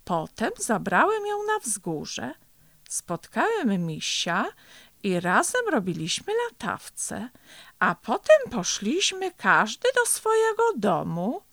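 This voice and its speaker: A woman's voice: fairly high pitch, takes it slowly, creaky, no echo, heavily acted. Franklin, a woman voicing an anxious little turtle boy. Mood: puzzled. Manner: anxious, plaintive, excitable. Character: small worried boy turtle.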